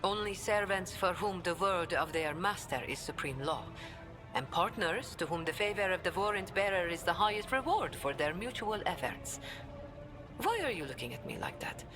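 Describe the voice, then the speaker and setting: A woman's voice: on the low side, lightly acted. An actress voicing an ornate, obsequious woman trade agent in a video game. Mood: grave. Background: game music.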